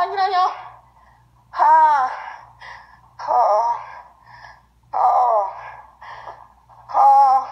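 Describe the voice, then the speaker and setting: A high, piercing voice of a mother undone by grief, as an actress plays her. She wails and pleads with God in slow, drawn-out cries, in melodramatic screen acting style. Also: highs cut off, heavily acted. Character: grief-stricken mother mourning her daughter.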